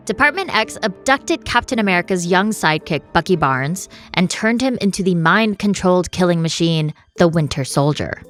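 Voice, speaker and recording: A woman's voice: medium pitch, a bit bright. A woman co-hosting a scripted podcast, narrating with a playful, teasing manner. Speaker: podcast co-host.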